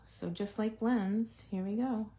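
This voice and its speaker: A woman's voice: medium pitch, steady tone, slow pace, dark tone. Chatty woman demoing crafts live. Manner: chatty, thinks aloud while working, talks to live viewers. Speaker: card-making demonstrator. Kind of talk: casual live craft demo.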